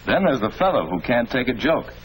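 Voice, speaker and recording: In a 1940s educational film on a noisy old soundtrack, an American-accented actor plays a patient, fatherly schoolmaster, perhaps a principal or teacher, explaining things in an instructive way. His natural, medium-pitched voice is very animated and a little fast.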